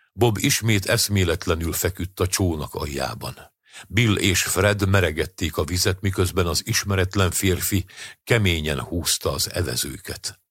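Male audiobook narrator, very low voice, husky, dry close sound. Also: fairly bright tone, no echo. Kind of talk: scripted narration of a short story.

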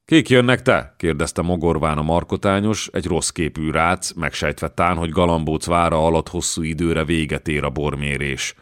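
A man reading an audiobook in a steady, measured narration, close to the mic. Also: rumbling low, clean tone, dry recording. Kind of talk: scripted narration.

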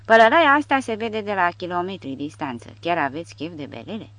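A woman voicing a calm, gruff older male sergeant in an audiobook. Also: on the low side, no echo.

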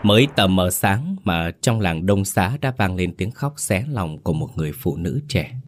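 A man hosting a channel and narrating a ghost story at a steady, measured storytelling pace. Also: low voice, slight background noise. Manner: steady, measured storytelling with a polite host's greeting.

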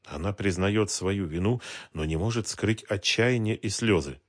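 A man with a fairly low voice narrating an audiobook. His reading is measured and dramatic, steady through the tense scene. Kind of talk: scripted narration.

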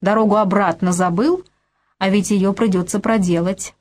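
A woman voicing a brisk middle-aged man, a scheming financier who lectures crisply and commands. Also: medium pitch, fairly even intonation, darkish tone, natural voice. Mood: lecturing. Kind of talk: audiobook character voice.

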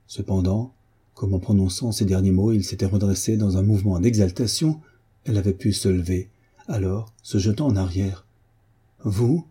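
A man narrating a classic novel in a measured, steady storytelling manner. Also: low-pitched, breathy edge. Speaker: audiobook reader. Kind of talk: literary narration.

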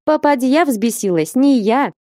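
A woman reading an audiobook voices a lively, teasing young novice girl in a higher, sing-song voice. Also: moderate pace, dry recording, clean studio sound, natural voice.

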